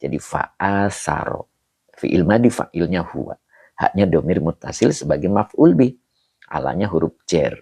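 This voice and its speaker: A middle-aged man teaching an Arabic religious text on a livestream, reading viewers' comments and joking with them in a relaxed way. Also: extremely low pitch, creaky, slightly rough, no echo. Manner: reads comments, jokes with viewers. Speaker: kitab teacher. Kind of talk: live-streamed kitab lesson. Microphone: phone or camera on a stand.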